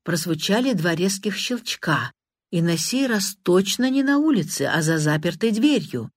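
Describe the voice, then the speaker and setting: A woman narrating a novel with an even, measured delivery. Her voice is on the low side, and the recording is close and dry with no room sound. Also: dry recording. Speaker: audiobook narrator. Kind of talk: scripted narration.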